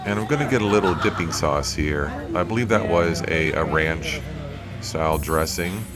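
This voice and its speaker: Deep-voiced man narrating over music. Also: moderate pace. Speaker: food reviewer and video narrator.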